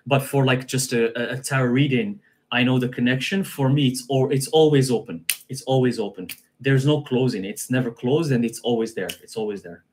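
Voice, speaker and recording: Relaxed man chatting with repeated phrases. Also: medium pitch, brisk, a little hiss or hum. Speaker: guest practitioner. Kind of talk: casual live-stream conversation.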